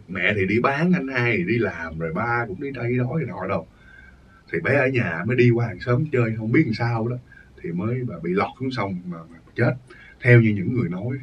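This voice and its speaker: A man's voice: fairly low pitch, slight background noise. A man telling a ghost story in a casual, rambling way, repeating phrases for emphasis. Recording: dull lo-fi recording, distant mic.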